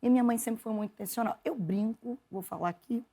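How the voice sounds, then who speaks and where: A Brazilian woman, a journalist and preacher, telling stories from her upbringing in an interview, lively and quick to laugh. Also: fairly high pitch, breathy edge. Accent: Brazilian Portuguese. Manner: lively, laughs often, quotes her mother in animated voices. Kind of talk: conversational interview storytelling.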